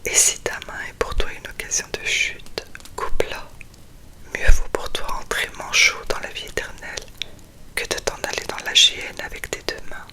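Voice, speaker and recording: A person reading scripture in a quiet, hushed ASMR whisper, soothing, as if at night for bedtime. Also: normal speed. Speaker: reader.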